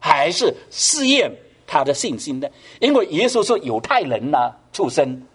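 Male pastor preaching; husky, slightly high voice, lively rises and falls, frequent rhetorical questions. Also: normal speed. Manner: animated preaching, rhetorical questions, voice rising with emphasis. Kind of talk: sermon.

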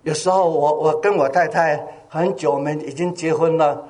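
A man's voice: on the high side, normal speed. An older male pastor preaching a sermon, asking his congregation questions and drawing answers back from them. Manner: call-and-response with the congregation, animated.

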